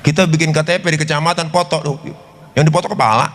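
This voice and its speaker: A man's voice: on the high side, fast talker. A man with a Betawi accent preaching a humorous sermon, joking and speaking directly to his listeners. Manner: jokey, animated, addresses the crowd directly. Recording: reverberant hall.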